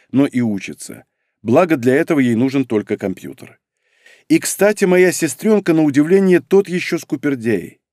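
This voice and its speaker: A man narrating a first-person novel in an expressive, wry manner. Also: medium pitch, no room sound, clean studio sound. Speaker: audiobook narrator.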